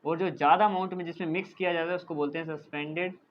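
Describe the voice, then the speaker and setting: A male teacher explaining a science lesson, often checking in with "thik hai" and slowly dictating definitions as he writes them. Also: a little high, steady tone, highs cut off, slight background noise. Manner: dictates English definitions slowly while writing. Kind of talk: classroom lecture.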